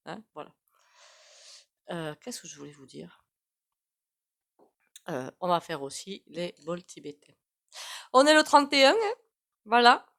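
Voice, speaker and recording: A woman with a blocked, stuffy nose from a cold, chatting casually to her channel viewers, rambling and often clearing her throat. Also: lowish voice. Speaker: tarot reader and channel host.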